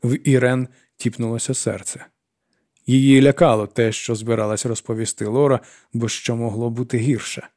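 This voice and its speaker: A man narrating a novel in an even, steady reading voice. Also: medium pitch, moderate pace. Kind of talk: audiobook narration.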